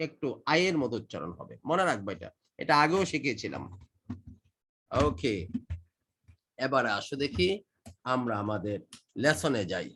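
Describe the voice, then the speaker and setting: A woman with a Bangladeshi Bengali accent teaching an online English class for children. She drills words slowly and sets right and wrong pronunciations side by side. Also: extremely low pitch, sing-song, a bit bright, a little hiss or hum. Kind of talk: online kids' class, call-and-response drilling.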